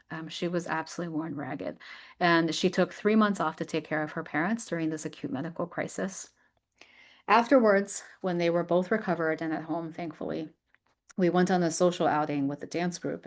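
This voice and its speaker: A woman researcher giving an academic lecture, speaking thoughtfully with frequent ums and small restarts. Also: fairly low pitch.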